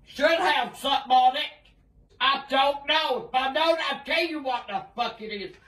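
Angry granny, high piercing voice, swears a ton, real blunt. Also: female voice, normal speed. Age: older, 60s or above. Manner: irate, profane, blunt, often shouting. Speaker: grandmother in prank videos. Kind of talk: casual reactions to pranks. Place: indoors in a home bedroom. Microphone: handheld phone camera a short distance away.

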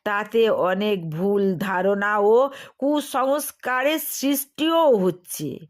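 Slow, deliberate woman preaching a sermon. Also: medium pitch. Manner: slow, deliberate delivery with drawn-out pauses.

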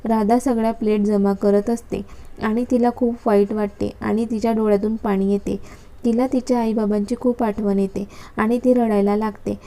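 A woman narrating a story in a steady, even reading style. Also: mid-range voice, normal speed.

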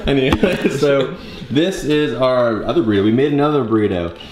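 Echoey young man excited while eating sour candy. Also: mid-range voice, a little fast, noisy background. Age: 20s. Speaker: host of a food challenge vlog. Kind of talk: casual vlog chat to camera. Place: living room, indoors. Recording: echoey living room with music behind.

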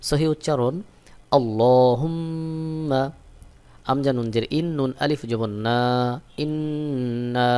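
A man teaching Quran reading, spelling Arabic prayer words letter by letter and then slowly chanting each joined word. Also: medium pitch, warm tone. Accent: Bangladeshi Bengali.

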